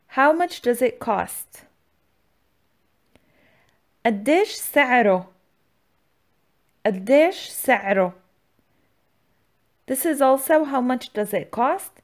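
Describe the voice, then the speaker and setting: A woman hosting a scripted language lesson, enunciating words and phrases in an instructional way. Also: on the high side. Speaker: language teacher, channel host.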